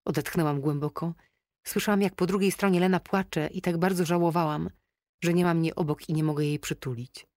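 A woman narrating a first-person novel in an even, intimate storytelling voice. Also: lowish voice, brisk, no room sound, studio quality. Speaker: audiobook narrator.

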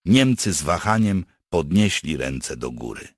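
A man narrating an audiobook with dark, wry storytelling. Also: sits low, very animated, a little slow, dry recording. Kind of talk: scripted narration.

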